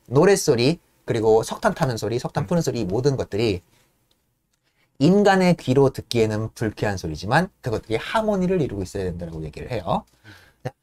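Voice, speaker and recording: A man retelling a play in animated storytelling style, laughing often. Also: medium pitch. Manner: laughs often, lively, acts out characters. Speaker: podcast host retelling a play.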